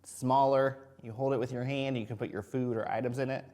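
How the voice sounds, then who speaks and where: A man's voice: medium pitch, fairly even intonation, darkish tone. Male teacher talking to young children. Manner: talking to young children, simple words with frequent questions; encouraging, singles out and spells words slowly. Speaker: first grade teacher. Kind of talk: children's video lesson.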